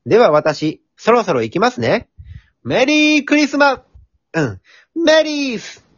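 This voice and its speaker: A man acts out a jolly, earnest Santa in a comedy radio drama. The voice sits high and moves around a lot, theatrical yet polite. The recording is slightly dull and very dry. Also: sing-song, a little slow, dry recording, heavily acted. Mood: kindly, playful.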